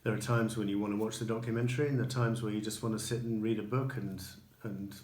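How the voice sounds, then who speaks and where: A man reviewing his purchases in a casual video, unhurried and dotted with ums and restarts. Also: on the low side, flat delivery, a little mellow. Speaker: record collector showing purchases. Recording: echoey room with faint noise.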